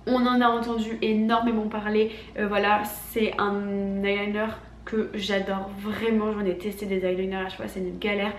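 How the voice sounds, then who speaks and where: A woman's voice: mid-range voice, little pitch movement, moderate pace, few pauses. A young woman with a honking, stuffed-up nasal voice speaks with an accent from France. She chats informally and emphatically, like a beauty vlogger, in an echoey room with faint background noise. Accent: French from France. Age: young adult. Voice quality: honking, duck-like nasal voice from congestion. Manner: informal, filler-heavy, emphatic. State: congested, sick with a cold. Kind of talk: casual chatty product haul.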